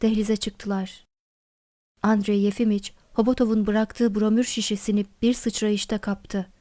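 A woman narrating an audiobook of a novella in a measured, expressive storytelling manner. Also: mid-range voice.

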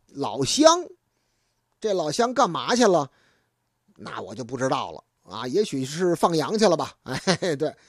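Lively storyteller with animated pitch. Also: no room sound, clean studio sound. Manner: lively, chatty asides to the audience. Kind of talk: traditional comic storytelling.

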